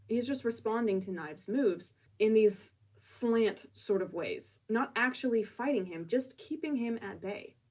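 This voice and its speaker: A woman's voice: fairly high pitch, measured pace, hardly any pauses, darkish tone, distant mic, low-quality recording. A woman reviewing a manga, recapping scenes in a reflective, musing way with casual asides.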